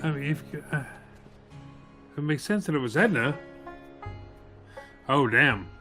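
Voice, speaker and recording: A man's voice: a little high, animated, measured pace, bright, forceful tone. A man doing casual, reactive gameplay commentary with sarcastic, profane, muttered asides. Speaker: let's play commentator. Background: game music.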